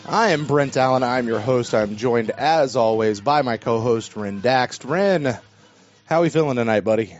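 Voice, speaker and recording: Slightly hoarse man hosting a podcast. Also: medium pitch, moderate pace, faint music behind. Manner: rambling, restarts sentences. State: losing his voice. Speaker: podcast host. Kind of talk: casual sports podcast chat. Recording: dull dry podcast audio.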